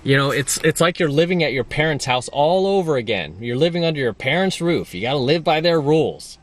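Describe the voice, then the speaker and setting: A man's voice: fairly high pitch, expressive, brisk. A man giving a blunt, emphatic coaching monologue as a dating coach, repeating his points for stress.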